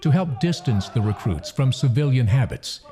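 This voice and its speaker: A man reading scripted documentary narration in a measured, solemn delivery. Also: medium pitch, lively intonation, crowd noise.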